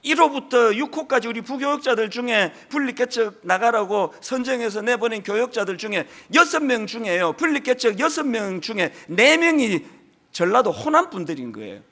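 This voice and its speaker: A man's voice: very high voice, sing-song, normal speed. A middle-aged man with a strong Gyeongsang accent, preaching a Sunday sermon as senior pastor in an emphatic way, with folksy asides. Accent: Gyeongsang Korean. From Gyeongsang region, South Korea. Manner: emphatic, rising to forceful peaks, folksy asides.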